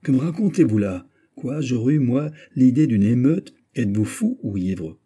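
A man reading aloud voices an irate, scheming royal intendant with a sharp, hostile tone. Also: medium pitch, very animated, moderate pace, husky, pitched above the performer's own voice. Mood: indignant.

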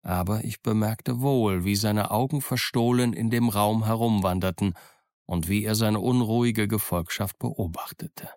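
A man reading an audiobook in measured storytelling narration. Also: lowish voice, a little mellow, no echo, studio quality. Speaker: audiobook reader.

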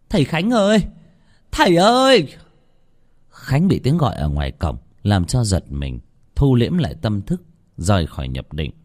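A man narrating a horror story with dramatic, expressive delivery. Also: deep voice.

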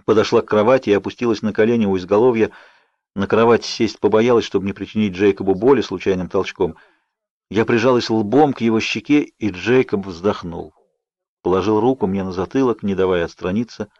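A man giving an even, measured audiobook narration, on dull lo-fi audio. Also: on the low side, no room sound. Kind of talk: scripted narration.

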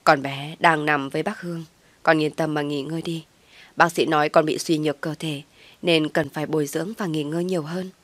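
A woman's voice: deep voice, fairly even intonation, a little fast, no room sound. Woman reading a tearful worried mother. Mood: fretful. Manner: fretful, soothing.

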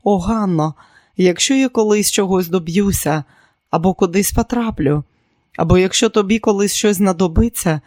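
A man putting on a gushing, excitable young woman. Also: normal speed, no room sound, clean studio sound, natural voice. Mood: emotional. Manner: gushing, breathless, high-strung. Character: impulsive excitable young woman, a chorus dancer.

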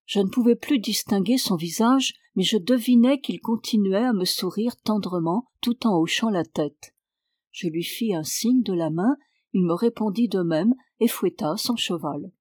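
Woman, literary reading, measured and clear, mid-pitched, dry close recording. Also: darkish tone, no echo. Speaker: reader.

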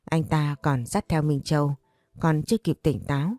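Low, mellow woman narrating a story. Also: moderate pace, no room sound, studio quality. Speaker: audiobook narrator. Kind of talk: scripted narration of a romance story.

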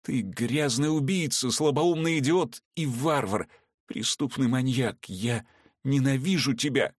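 A man voicing a defiant young woman in an audiobook, shouting her hatred, his voice raised higher than his own. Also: unhurried, no room sound, studio quality, close to an everyday voice. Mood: furious.

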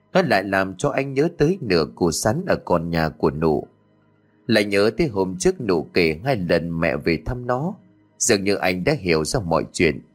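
A man narrating a scripted ghost story in an emotive, dramatic reading style. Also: lowish voice. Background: soft background music.

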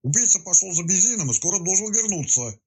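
A man voicing an excitable police detective who blurts his lines out of breath, in a raised, husky voice. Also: high voice, quick pace, pitched above the performer's own voice, heavily acted. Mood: excited.

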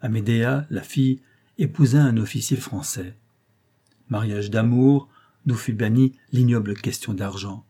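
A noble young princess in hiding speaks with solemn, declamatory devotion, read by a man in an audiobook. The voice is mellow and darkly toned, with a slightly husky grain. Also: medium pitch, a little slow. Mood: earnest. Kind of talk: audiobook reading.

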